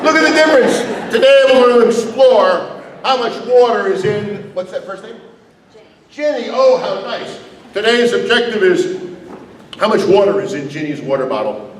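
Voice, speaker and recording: A man's voice: high voice, animated, normal speed, long pauses, crowd noise. Man acting a chirpy teacher in an echoey hall. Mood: eager, chirpy. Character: bright chirpy school teacher eagerly addressing a class. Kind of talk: acted classroom demonstration. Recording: echoey hall, far microphone, noisy.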